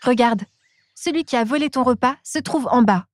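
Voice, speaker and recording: Lady doing a sly little rabbit from a kids' story, higher voice, talks you into things. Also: moderate pace, no room sound, close to an everyday voice. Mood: persuasive. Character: small clever rabbit, quick-witted trickster. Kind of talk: children's storybook reading.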